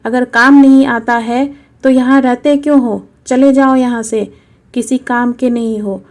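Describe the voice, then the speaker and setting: A woman voicing a harsh, scornful young mother in a storybook reading, speaking in a sharp, scolding way. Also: fairly high pitch, flat delivery, a little slow. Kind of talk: storybook narration.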